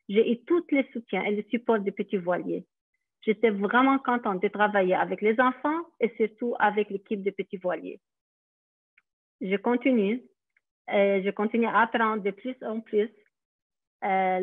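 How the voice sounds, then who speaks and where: A woman's voice: mid-range voice, normal speed, dry recording. A middle-aged Lebanese woman with an Arabic-accented voice, giving a hesitant personal testimony on a webinar with many fillers. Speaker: daycare centre director. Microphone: video call. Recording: tinny phone-like video call audio.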